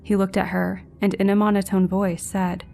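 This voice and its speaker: A woman calmly narrating a scary true-encounter story in a measured, scripted way. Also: mid-range voice, vocal fry, a little hiss or hum. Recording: faint background music.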